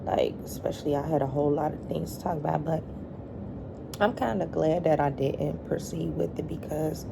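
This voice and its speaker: A middle-aged woman vlogger chatting casually to her viewers while eating, in a halting, colloquial way. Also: sits low, creaky, noisy background.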